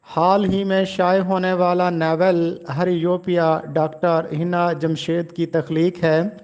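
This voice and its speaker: Male lecturer teaching pronunciation, slow and precise delivery, muffled lo-fi sound. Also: high-pitched, level tone, a little mellow, smooth. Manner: slow, deliberate, enunciating each word. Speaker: Urdu literature lecturer.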